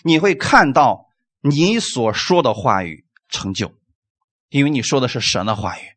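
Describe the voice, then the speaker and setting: A man preaching a sermon, animated and full of rhetorical questions, closing his points with "amen". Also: medium pitch, normal speed.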